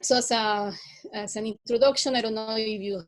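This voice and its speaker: A middle-aged woman from Guatemala City, a native Spanish speaker with a Guatemalan accent, giving an online guest lecture in a halting way with many "uh"s. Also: a little high, steady tone, low-quality recording. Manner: halting, many filler sounds.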